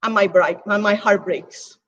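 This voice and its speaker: A woman from Cuba preaching a sermon as pastor, with emphatic swells and hushed drops. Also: medium pitch, steady tone, normal speed, lo-fi sound.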